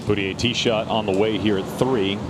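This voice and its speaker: A man's voice: lowish voice, steady tone, normal speed, heavy background noise. A man hosting a golf broadcast with live play-by-play commentary. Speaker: lead golf broadcast host.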